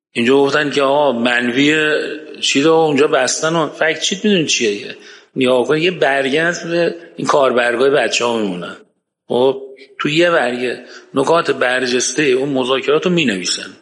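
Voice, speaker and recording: A man's voice: on the high side, fairly bright tone. A man giving an emphatic, argumentative lecture and reciting verses from the Quran. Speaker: speaker giving a religious-political talk. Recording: long hall reverb.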